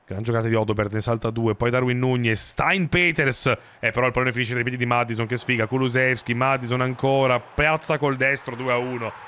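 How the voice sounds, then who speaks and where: An emphatic man streams a football video game and calls the play live. His voice sits at a medium pitch and he breaks into exclamations and swearing. Stadium ambience from the game is clearly heard behind him. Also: steady tone, a little fast, hardly any pauses, pushed and bright. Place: indoor streaming room. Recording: clear background game noise.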